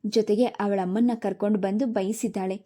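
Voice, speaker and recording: A woman's voice: mid-range voice, steady tone, moderate pace, mellow, natural voice. A woman voicing a proud, sensitive schoolgirl who speaks while crying, in a read-aloud storybook. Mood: tearful.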